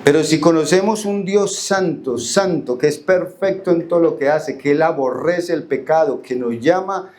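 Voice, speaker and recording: A man's voice: a little high, normal speed, darkish tone. A man with a Colombian accent preaching a Bible study, reading verses aloud and putting questions to the congregation. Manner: asks the congregation questions and answers them; reads verses aloud, drawing out key words. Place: church hall.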